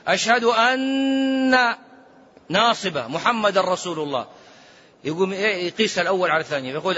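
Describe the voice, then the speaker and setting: A man giving religious rulings in a lively lecture, swinging between raised and hushed tones and chanting recitations. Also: high voice. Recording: dull lo-fi recording with faint noise.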